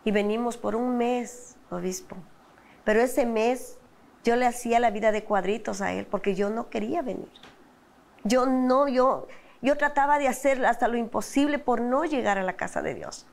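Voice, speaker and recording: A woman's voice: fairly high pitch, moderate pace, vocal fry. A middle-aged woman giving an emotional church testimony, acting out her past quarrels with a rising voice.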